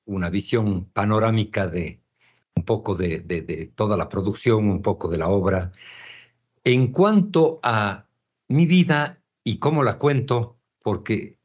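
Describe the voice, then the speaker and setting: Slow, hesitant older man. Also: fairly low pitch, slightly rough. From Ecuador. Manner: slow and hesitant, repeats words while searching. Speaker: interview guest, painter and author. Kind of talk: reflective interview talk. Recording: dull lo-fi audio.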